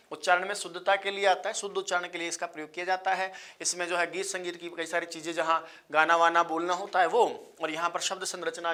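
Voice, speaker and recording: Teaching exam preparation, this man from India repeats the main points again and again, addressing his audience as bhaiya and sahab. He speaks in a high, pushed, bright voice.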